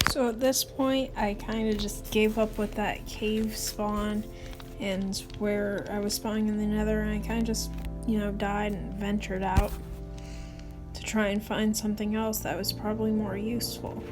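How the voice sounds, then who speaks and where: A woman giving casual gameplay commentary as a voice-over, in a rambling, halting, self-deprecating and complaining way. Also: mid-range voice, little pitch movement. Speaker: gaming video creator. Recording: voice-over with prominent background music. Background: prominent music.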